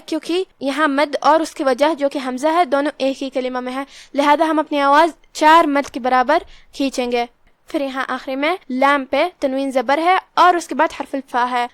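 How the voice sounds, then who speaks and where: A woman teaching Quran recitation rules, explaining each letter slowly and methodically. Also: sits high, dry recording, clean studio sound. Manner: slow, methodical, careful articulation. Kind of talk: tajweed lesson, explaining then reciting.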